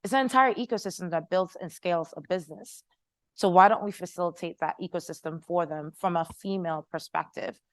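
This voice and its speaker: With a lowish voice at a fairly quick pace, a middle-aged Haitian American founder with an American accent delivers a panel discussion answer to a conference-room audience. She speaks with passion and persuasion and keeps the audience engaged. The recording has no echo and clean studio sound.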